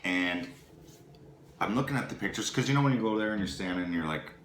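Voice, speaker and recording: A man, co-hosting a casual chat and telling a story with lively acted-out quotes. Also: on the low side, quick pace. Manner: animated storyteller, acts out quotes. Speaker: podcast co-host. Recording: echoey room with faint background noise.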